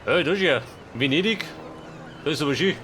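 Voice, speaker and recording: A man's voice: fairly high pitch, animated, a little fast, fairly bright tone, soft background music. A man doing casual, colloquial let's play commentary with a flippant, joking manner. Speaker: gaming let's player.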